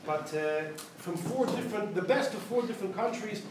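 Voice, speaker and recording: A man, a rabbi, telling a story to a gathering in a synagogue with an animated storyteller's manner, dropping in Yiddish words. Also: high voice, moderate pace. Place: synagogue hall. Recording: very echoey hall, distant mic, noisy.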